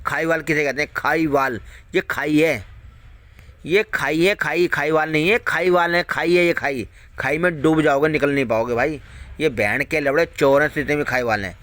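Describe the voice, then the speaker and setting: A man's voice: fairly high pitch, normal speed, a bit bright, no echo. A man delivering a heated, profane rant straight at viewers, repeating his points and firing off rhetorical questions. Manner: heated, repetitive, heavily profane. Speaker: video host warning viewers. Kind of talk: angry ranting monologue to viewers.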